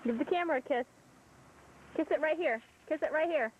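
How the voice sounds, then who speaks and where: A woman's voice: sits high, fairly quick, narrow, tinny audio, a little hiss or hum. A woman filming a home video, coaxing and playful as she talks to a baby, heard on an old camcorder tape. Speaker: home video camera operator. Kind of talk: casual home video chatter. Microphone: camcorder built-in mic.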